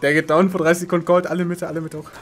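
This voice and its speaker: A young man playing a video game on team voice chat, excitable and panicky, swearing crudely in casual callouts. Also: on the high side, racing. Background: video game sounds and music.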